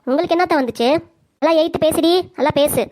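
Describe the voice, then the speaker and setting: பெண் பேசும் நக்கலடிக்கும் வயதான மாமியார். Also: female voice, high-pitched, fast, warm tone, lightly acted. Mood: mocking. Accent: Tirunelveli Tamil. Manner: taunting, scolding. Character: sharp-tongued scheming older mother-in-law. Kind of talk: cartoon comedy voice acting.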